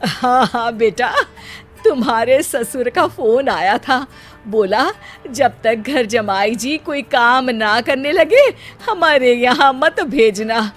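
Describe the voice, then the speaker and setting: A woman's voice: a little high, slow pace, faint music behind. A woman voicing an exasperated middle-aged father who reasons dryly with his son in a comic cartoon story. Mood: dryly teasing.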